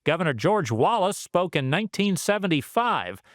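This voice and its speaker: Lively male news reporter narrating. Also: high-pitched, normal speed, no room sound, studio quality.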